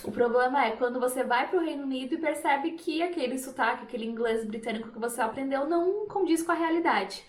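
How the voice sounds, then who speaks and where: A woman's voice: high voice, fast talker, few pauses, roomy sound. A woman from Brazil, an English teacher, explaining pronunciation in a chatty video lesson and demonstrating example words. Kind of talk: YouTube language lesson.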